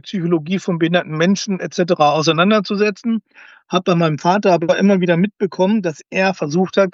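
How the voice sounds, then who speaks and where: A man's voice: high voice, dry recording. A man who grew up in Germany, a special-needs educator as podcast guest, explaining at length with frequent hesitations. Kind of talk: conversational interview. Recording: slightly dull, dry sound.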